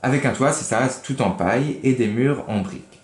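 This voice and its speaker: A man's voice: medium pitch, normal speed, darkish tone. A man reading a children's book aloud, stopping to explain words and to correct his slips. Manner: stops to correct his misreadings. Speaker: reader. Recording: echoey room.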